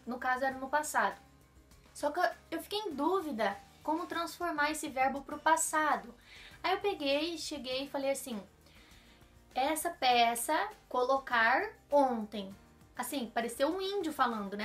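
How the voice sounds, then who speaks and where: A young woman with a Brazilian Portuguese accent talks straight to the camera in a casual advice vlog. Her voice sits high, and she keeps an earnest, encouraging manner, often asking the listener if they follow. Soft music plays underneath. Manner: earnest, encouraging, tags sentences with questions. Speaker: vlogger.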